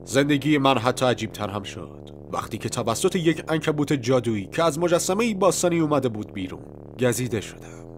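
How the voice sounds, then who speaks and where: A man voicing a weary, hard-boiled male private detective who tells his story in a low, brooding way. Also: expressive, a little hiss or hum, lightly acted. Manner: low, brooding first-person telling.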